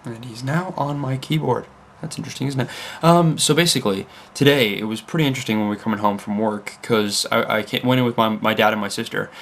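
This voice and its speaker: Talking fast and barely pausing, a young vlogger rambles to camera from his home computer desk, cutting himself off and filling gaps with fillers. His mid-range, fairly bright voice mixes an American accent with touches of Leeds, and there's slight background noise.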